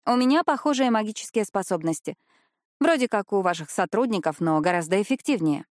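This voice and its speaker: A woman narrating a first-person novel as an audiobook, delivering the dialogue in a lively, expressive way. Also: mid-range voice, fairly quick, no echo, clean studio sound.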